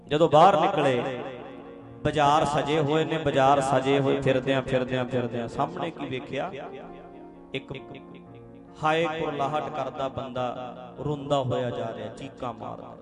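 A man preaching a sermon as a story, emphatic and repetitive, often repeating his phrases. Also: fairly high pitch. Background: music.

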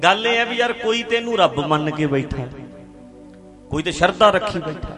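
A man's voice: sits high, moderate pace, over music. A man from India giving a public talk on religion, stressing points by repeating phrases and putting questions to the audience. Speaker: speaker addressing an audience.

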